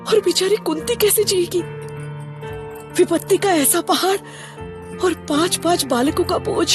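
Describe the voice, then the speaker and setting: A woman's voice: very high voice, a little slow. An actress playing a fearful queen in a mythological TV drama, speaking anxiously to her husband. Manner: anxious, pleading. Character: fearful queen, devoted wife. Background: background music.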